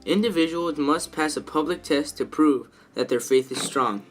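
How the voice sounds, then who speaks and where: A man presents a scripted promotional pitch in the manner of an infomercial. His voice sits a little higher than most men's. Faint music plays underneath. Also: normal speed.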